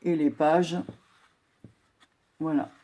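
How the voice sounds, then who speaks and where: Older woman with a mellow voice. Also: low-pitched, little pitch movement. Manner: unhurried, chatty, with many filler pauses. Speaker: crafting vlogger. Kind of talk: casual show-and-tell craft video.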